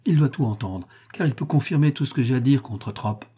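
A man's voice: mid-range voice, brisk, mellow, slightly rough, natural voice. Man voicing a resolute, tearful empress. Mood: pleading.

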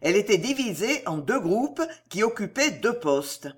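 An audiobook narrator who reads with drama and vivid colour, the pitch rising and falling widely from phrase to phrase. The voice sits at a medium pitch and carries the action of the scene. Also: big pitch swings, normal speed, breathy edge. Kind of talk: scripted narration of a historical adventure novel.

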